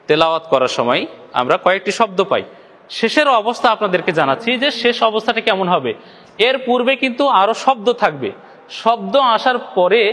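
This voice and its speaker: In a large hall, a man from Bangladesh speaks directly to viewers while teaching Quran recitation step by step. He raises questions, supplies the answers, and stretches out demonstration syllables, all in a high, slightly bright voice.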